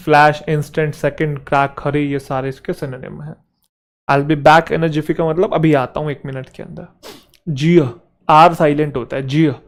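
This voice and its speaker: A man teaching English vocabulary in Hindi for exam preparation, chatty and joking, reading English example sentences slowly and checking in with students. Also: fairly high pitch. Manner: chatty, jokes with students, keeps asking "theek hai?". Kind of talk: exam-prep vocabulary lesson.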